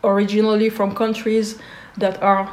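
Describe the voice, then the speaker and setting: A woman's voice: mid-range voice, flat delivery, moderate pace, darkish tone, a little hiss or hum. Hesitant woman in an echoey room. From Switzerland. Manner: thoughtful, hesitant, many fillers. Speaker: guest. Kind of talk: interview.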